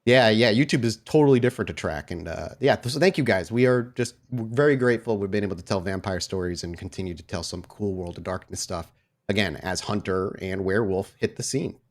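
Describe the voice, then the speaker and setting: His voice is on the low side and he speaks fairly quickly, handling podcast announcements and game narration. As host and storyteller, he keeps things chatty and informal.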